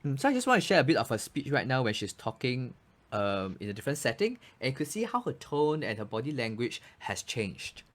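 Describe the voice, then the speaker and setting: A man's voice: mid-range voice, sing-song, a little fast. A man, a voice coach explaining speaking tips as a guest in a casual interview, often saying "you know".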